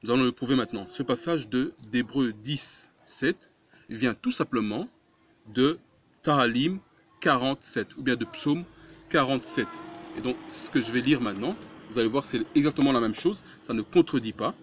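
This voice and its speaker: A man giving a Bible study talk, reading scripture aloud and explaining it in short, deliberate phrases. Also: mid-range voice, slight background noise. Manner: slow, deliberate, breaks phrases into short pieces; reads Hebrew words aloud louder, word by word. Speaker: religious teacher.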